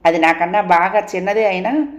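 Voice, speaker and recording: A woman voicing a bold, talkative young wife who scolds and teases in a quick, playfully bossy way. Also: medium pitch, close to an everyday voice. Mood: scolding. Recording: roomy echo.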